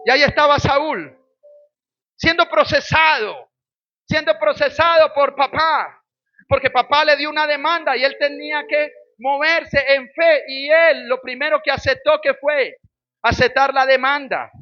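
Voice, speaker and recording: A man from Colombia with a Colombian Spanish accent, preaching a sermon with lively storytelling that rises into shouted exhortation. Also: extremely high pitch, unhurried, muffled recording. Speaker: pastor.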